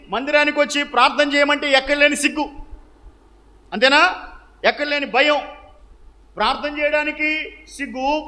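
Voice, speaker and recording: A man with a very high, bright, forceful voice leads a question-and-answer Bible teaching. He quizzes the listeners, supplies the answers himself and repeats key phrases to drive them home. His voice rings out with the long reverb of a large hall.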